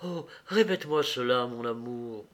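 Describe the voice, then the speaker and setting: A male reader voicing a young woman in love, tender and rapturous, in a slowly read audiobook. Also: medium pitch, natural voice. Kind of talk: audiobook character reading.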